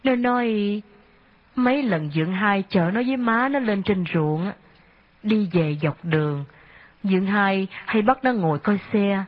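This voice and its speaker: A woman reading an audiobook, voicing a humble, grieving man who speaks slowly and haltingly through tears. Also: mid-range voice, expressive, close to an everyday voice. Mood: sorrowful. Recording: dull lo-fi audio.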